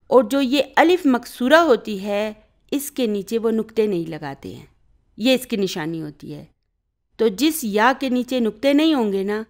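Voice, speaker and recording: Urdu-speaking woman teaching Arabic grammar. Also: on the high side. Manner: explains step by step, often checks with "ٹھیک ہے؟". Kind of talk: grammar lesson.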